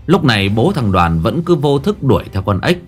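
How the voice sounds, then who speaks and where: A man's voice: medium pitch, sing-song, moderate pace, slightly rough, faint music behind. A man narrating a Vietnamese ghost story in the first person, telling it in a dramatic way.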